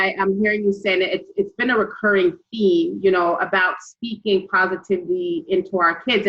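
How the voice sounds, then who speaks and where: A woman hosting an interview, speaking in a reflective, halting way over a video call. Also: mid-range voice, fairly bright tone, highs cut off. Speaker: podcast host. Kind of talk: conversational interview.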